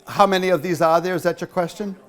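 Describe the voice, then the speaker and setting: A man gives a loose, chatty talk at a quilt show and fields questions from the audience. His voice sits a little high for a man, and he fills his pauses with plenty of uh's as he wanders between stories. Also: steady tone, a bit bright. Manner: chatty, rambling, many fillers. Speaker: featured speaker at a quilt show. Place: hall.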